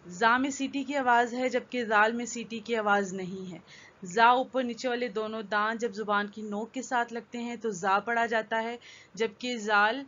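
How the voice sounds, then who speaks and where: A fairly high-pitched woman teaches a children's Quran reading lesson. She recites syllables slowly in a measured drill and explains patiently between them. The audio sounds dull and lo-fi. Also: steady tone, fairly bright tone.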